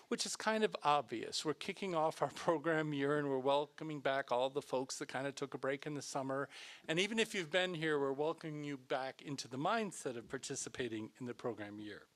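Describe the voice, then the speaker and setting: A man's voice: on the high side, fairly bright tone. A man minister giving a sermon in a conversational, enthusiastic way, correcting himself now and then as he goes. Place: fellowship sanctuary, also streamed on video call.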